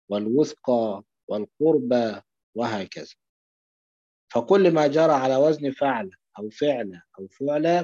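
An Egyptian man teaches with a warm, low-key tone, posing questions and then answering them himself. The recording is dull and lo-fi, with a dry, close sound. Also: no echo. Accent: Egyptian Arabic. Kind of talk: explaining a lesson.

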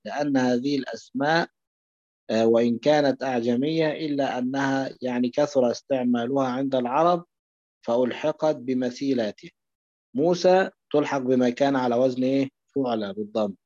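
A man's voice: medium pitch, normal speed, darkish tone, no room sound, dull audio. A man with an Egyptian Arabic accent explains a lesson, asking questions and answering them himself. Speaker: teacher.

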